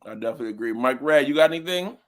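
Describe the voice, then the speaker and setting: A man hosting a live sports talk show in a studio, animated and hyped, with loud exclamations. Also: mid-range voice, racing. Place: small studio.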